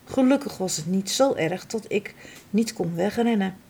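A woman voicing a young male deer in a storybook, telling quietly how he was hurt. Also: mid-range voice, expressive, moderate pace, gravelly, slightly rough. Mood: subdued.

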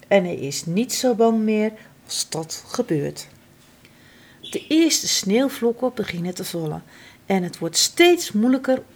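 A woman reading a children's storybook aloud, dramatic and full of expression. Her pitch rises and falls a great deal, and she takes her time. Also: darkish tone.

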